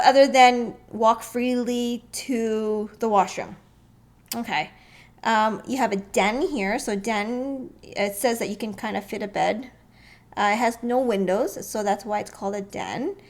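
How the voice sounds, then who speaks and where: Woman, real estate vlogger, casual commentary, thinking aloud, fairly high voice. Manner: thinking aloud, hesitant, with fillers and chuckles.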